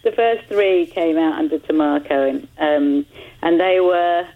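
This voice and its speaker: A woman's voice: low-pitched, a little slow, narrow, tinny audio. A woman author answering radio interview questions in a hesitant way, with many fillers and laughs. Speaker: author guest.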